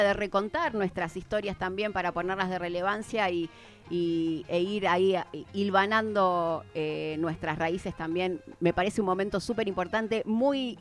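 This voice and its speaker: A woman hosting a radio interview, agreeable and reflective, often affirming her guest. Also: mid-range voice. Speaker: radio host.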